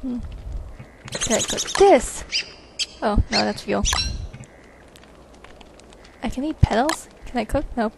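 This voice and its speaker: A woman's voice: fairly high pitch, takes it slowly, vocal fry, pauses often, background noise. A woman giving casual gameplay commentary at home, talking to herself with bemused exclamations. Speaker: let's play gamer. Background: loud game music.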